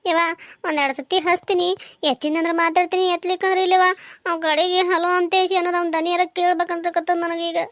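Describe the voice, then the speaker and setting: A woman's voice: extremely high pitch, level tone, fast, no echo, clean studio sound. A woman doing a tearful young village wife. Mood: pleading. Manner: plaintive, pleading. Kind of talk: cartoon voice acting.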